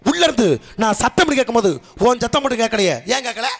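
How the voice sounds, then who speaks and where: Stage actor doing Narada, lofty needling sage, high quick voice, preachy lecturing. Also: male voice, expressive, heavily acted. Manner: preachy, lecturing in rhetorical questions. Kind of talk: Tamil street-theatre stage dialogue.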